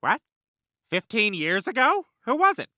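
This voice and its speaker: Roger, a shrill gossipy alien. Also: male voice, no room sound, clean studio sound, full character voice. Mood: excited. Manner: excited, quick reactions. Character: flamboyant male space alien, gossipy and excitable. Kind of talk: animated sitcom acting.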